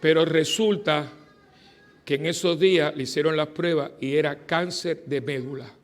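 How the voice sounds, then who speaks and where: Middle-aged priest, high tenor voice, preaching with big swings between shouts and quiet asides. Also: male voice, moderate pace. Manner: animated, swings from loud exclamations to soft confiding asides. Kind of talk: sermon.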